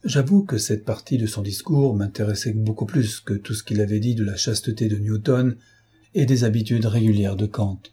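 A man narrating a classic novel in the first person with a measured, steady reading. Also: on the low side, slightly rough. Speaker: audiobook narrator.

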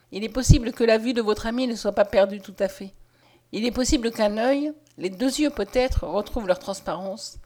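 A woman's voice: fairly high pitch, darkish tone, close to an everyday voice. A woman voicing a hopeful, devout young peasant girl who speaks fervently and tenderly. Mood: earnest.

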